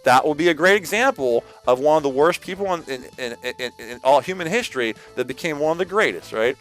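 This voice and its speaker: Rambling animated male streamer preaching. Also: on the high side, quick pace, faint music behind. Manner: rambling, full of "like" and repeated restarts; slangy, addresses listeners as "man". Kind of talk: casual off-the-cuff preaching.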